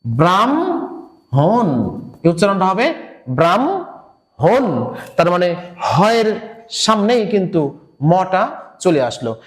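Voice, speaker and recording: Male Bangladeshi Bengali teacher, high voice, patient step-by-step explainer who models pronunciations slowly. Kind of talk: recorded lesson for exam students.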